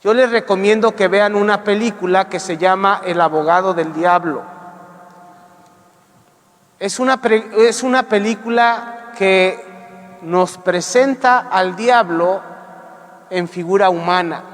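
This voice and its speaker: Priest teaching the bible, high voice, slow and emphatic, long echo off the church walls. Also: male voice. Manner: emphatic, asks the congregation rhetorical questions; slows down to stress key words. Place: church sanctuary.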